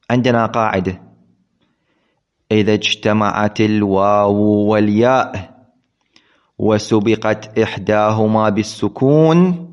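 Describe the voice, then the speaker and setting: A man's voice: fairly low pitch, a little mellow. A man teaching Arabic grammar in a classroom lesson. He asks questions and answers them himself, and repeats the key words. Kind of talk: classroom lesson explaining a text. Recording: dull lo-fi recording.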